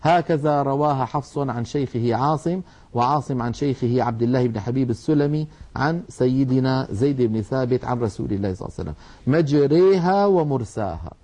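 A man's voice: medium pitch, quick pace, a little mellow. A man teaching the rules of Quran recitation, explaining patiently and drawing out sounds to demonstrate them. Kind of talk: religious lesson on recitation rules.

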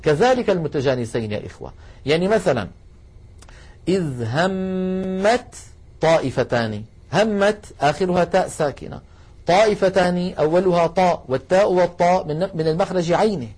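A man lecturing a class, explaining carefully and slowing down to demonstrate sounds, asking students to try along. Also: sits high, lively intonation, darkish tone, husky. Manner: addresses students directly, asks them to try along. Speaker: Quran recitation teacher.

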